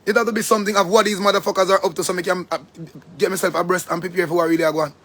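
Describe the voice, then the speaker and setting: A man with a Jamaican accent hosting a live stream, talking in a rambling, profane, animated way. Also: high voice, very fast. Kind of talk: casual live-stream rant.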